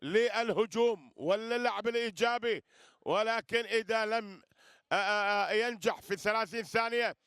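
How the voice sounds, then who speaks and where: A man's voice: high-pitched, normal speed, a bit bright, clean tone, dry recording, studio quality. A man giving live wrestling commentary, repeating phrases and addressing listeners with flourishes. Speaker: sports commentator.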